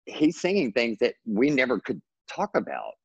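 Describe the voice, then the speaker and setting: This Texan writer, with a Texan accent, speaks at normal speed with vocal fry and a breathy edge, and the lo-fi recording has no echo. As an interview guest in a casual chat, he rambles earnestly and his pitch lifts when he gets worked up.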